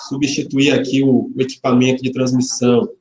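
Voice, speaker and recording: A man's voice: mid-range voice, flat delivery, brisk, darkish tone. A man of about forty from Salvador, a pastor who chats casually with a livestream audience and leads a prayer. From Salvador, Bahia, Brazil. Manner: chatty and informal, greeting viewers by name, joking lightly. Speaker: pastor leading the service. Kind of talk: livestreamed church service, greetings and prayer. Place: church hall. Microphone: webcam microphone. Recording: roomy webcam sound.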